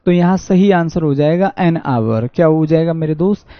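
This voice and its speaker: A man with a Haryanvi accent teaching an online exam-prep English class, reading sentences slowly and answering his own questions. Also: a little high, no room sound. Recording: dull dry lo-fi audio.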